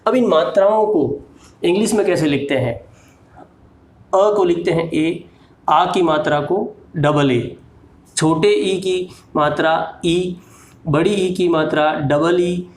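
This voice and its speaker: A man teaching with a slow, patient delivery, spelling letters out one at a time. His voice sits a little high, and the room around him echoes. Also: a little hiss or hum. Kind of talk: slow explanatory lesson.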